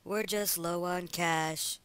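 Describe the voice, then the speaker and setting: A man's voice: high voice, steady tone, slow pace, fairly bright tone, clear, resonant tone, dry recording, full character voice. A man voicing a blunt male alien pirate.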